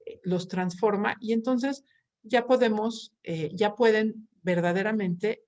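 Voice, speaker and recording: A woman with a Mexican accent addresses a conference audience as a therapist, telling stories from her practice. She talks in a middle pitch, often restarts her phrases and checks in with little tag questions. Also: slow. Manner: warm storytelling with frequent restarts and tag questions. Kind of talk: conference talk with anecdotes.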